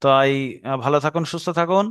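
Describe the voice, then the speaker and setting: A man with an Indian Bengali accent leads a recorded reading lesson at a brisk clip, his voice pitched slightly high. He explains rules patiently and often repeats them, slowing down to spell out sounds one by one. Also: a bit bright. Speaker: Quran reading teacher.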